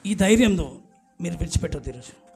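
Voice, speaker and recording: High, gravelly-voiced man preaching emphatically. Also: lively intonation, fast talker, darkish tone, soft background music. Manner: exhorting, urging the congregation to answer aloud. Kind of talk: emphatic sermon with call-and-response. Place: church at a night service.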